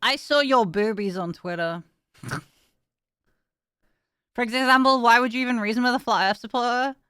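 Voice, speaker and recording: A woman's voice: fairly high pitch, moderate pace, fairly bright tone, clean tone, no echo, clean studio sound. A woman streamer chatting casually with viewers, tired and in pain, talking frankly and swearing now and then.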